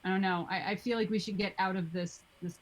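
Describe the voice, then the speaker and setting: A woman talking casually as a player in a tabletop game, halting and restarting her sentences. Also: medium pitch, fairly even intonation.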